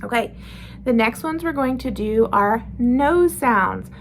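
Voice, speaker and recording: A woman teaching beginner phonics, slowly demonstrating each speech sound and how the mouth makes it. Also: on the high side, lively intonation, slight background noise. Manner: slow, careful demonstrating of sounds. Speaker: reading and spelling teacher. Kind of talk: phonics lesson.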